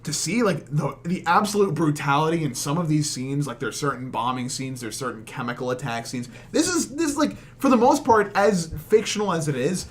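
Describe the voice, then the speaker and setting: A man's voice: a little high, fairly quick, hardly any pauses. A man in a casual group movie discussion, speaking in an emphatic, opinionated way. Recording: faint background room noise.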